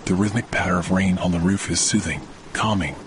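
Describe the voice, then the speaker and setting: Rain falls steadily and thunder rumbles behind a man hosting a meditation podcast. He leads a sleep meditation at an unhurried, soothing, measured pace, leaving long silences between phrases.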